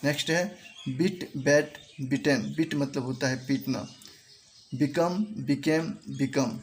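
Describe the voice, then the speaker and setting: A man with an Indian accent teaching English verbs, saying each word slowly and repeating it to drill pronunciation. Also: mid-range voice. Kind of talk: spoken language lesson. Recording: faint background noise.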